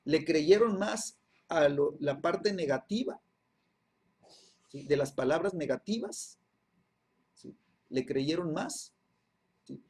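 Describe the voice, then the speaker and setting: This man's voice is a little high, husky, with a darkish tone. Teaching a Bible class, he repeats phrases and checks in with listeners after nearly every line, using "¿sí?" and "¿verdad?" again and again.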